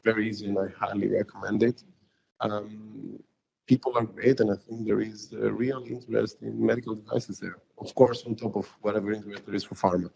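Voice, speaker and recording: A man's voice: lowish voice, little pitch movement, brisk, gravelly, darkish tone. A man speaking conversationally as a startup founder on a panel. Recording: dull lo-fi room recording, background noise.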